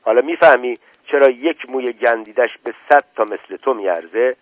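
A man's voice: medium pitch, no echo, highs cut off, close to an everyday voice. A man voicing a fierce, scornful wife and protective mother in a radio book reading, cutting in tone. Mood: defiant.

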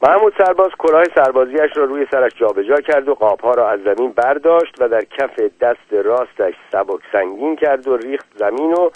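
A man's voice: mid-range voice, lively intonation, hardly any pauses, dry recording. A man narrating a story as an audiobook, reading the narration plainly and giving the characters' lines short voiced turns. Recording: dry, tinny phone-like radio sound.

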